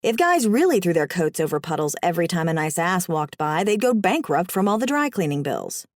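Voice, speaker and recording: A woman's voice: on the low side, very animated, brisk, dry recording, clean studio sound. A woman narrating a first-person audiobook in a sassy, wry storytelling manner.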